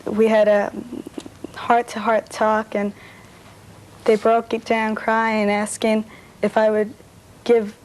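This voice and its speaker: A woman speaking haltingly about her experience, searching for words. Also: fairly high pitch, monotone, a little mellow, slight background noise, rough recording. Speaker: interviewee. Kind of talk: personal account.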